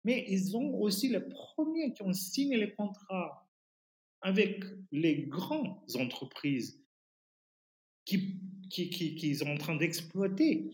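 A man speaks French with a foreign, English-tinged accent, pleading his case in an interview. His pitch moves in lively sweeps, and he often stops to hunt for a word before pressing on with emphasis. The room around him rings with echo. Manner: halting, searching for words, emphatic. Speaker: podcast guest, activist. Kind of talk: impassioned interview talk. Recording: roomy, echoing sound.

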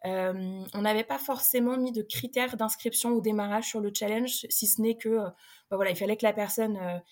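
A woman's voice: mid-range voice, steady tone, a little fast, darkish tone. A young adult woman, a recruitment specialist, answering interview questions in a casual, hesitant way with many filler sounds.

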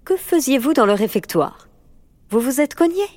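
A woman voicing an energetic school headmistress, firm and commanding yet gentle with a child. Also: high voice, moderate pace, no echo, voice pushed up. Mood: soothing.

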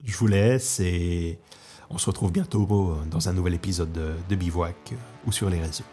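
Mec belge en podcast, voix grave et sombre, plein de euh. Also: male voice, low voice, moderate pace, dark tone, faint music behind. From Belgium. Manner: hesitant, many fillers and restarts. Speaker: podcast host and barbecue trainer. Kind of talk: casual podcast talk. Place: Portugal.

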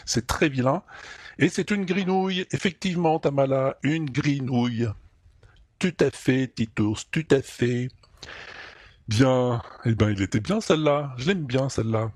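A man hosting a sound quiz in a casual live stream. He talks in a lively way and answers chat by name. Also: medium pitch, a little slow, no room sound, clean studio sound. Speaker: quiz host. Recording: loud music playing behind.

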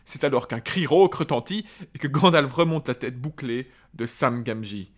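A man hosting a casual book discussion, talking enthusiastically and reading passages aloud. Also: mid-range voice. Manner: enthusiastic, halting restarts. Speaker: podcast host and reader.

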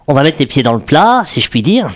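Male radio columnist, fairly high, very lively pitch, playful, laughs at his own jokes. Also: fast talker. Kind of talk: comic radio segment. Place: radio studio.

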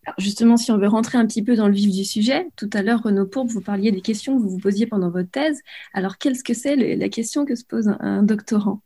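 A woman's voice: medium pitch, fast talker, mellow, slightly rough. A woman moderates a discussion as host, putting questions to her guests. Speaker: interview host.

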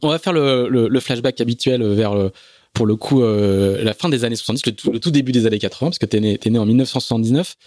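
A man's voice: medium pitch, fast talker, darkish tone, no echo, studio quality. A man hosting an interview, asking friendly, informal questions. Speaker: podcast host, interviewer. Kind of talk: casual interview conversation.

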